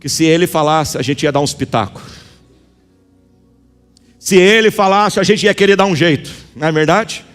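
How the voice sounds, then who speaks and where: High-voiced Brazilian pastor preaching. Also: male voice, normal speed, long pauses, fairly bright tone, clear, resonant tone. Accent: Brazilian Portuguese. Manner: emphatic, addresses the congregation directly. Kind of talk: sermon. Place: church sanctuary. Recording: reverberant church hall with music.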